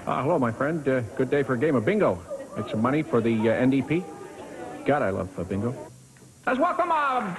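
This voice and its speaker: A man doing a comedy impression of a folksy male politician working as a bingo caller, halting and full of hesitations. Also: a little high, a little hiss or hum. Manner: bingo caller announcing numbers; halting, filler-laden speech.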